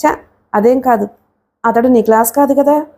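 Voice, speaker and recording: A woman's voice: fairly high pitch, moderate pace, dark tone, lightly acted. A woman voicing a serious, earnest teenage schoolboy in an audiobook. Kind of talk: audiobook character reading.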